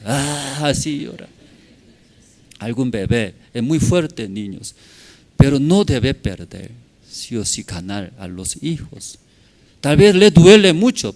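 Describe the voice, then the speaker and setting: A male pastor preaching a Sunday sermon in church. He speaks in short, simple phrases and keeps checking in with the congregation. His delivery swings between loud, emphatic bursts and quiet asides. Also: medium pitch. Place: church service.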